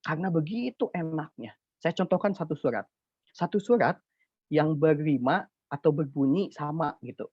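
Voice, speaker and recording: A young man with a Sundanese accent gives a chatty, animated lecture on poetry to students. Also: a little high, moderate pace, breathy edge, no echo. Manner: chatty, animated, uses fillers. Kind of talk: informal online lecture. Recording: dull dry lo-fi recording.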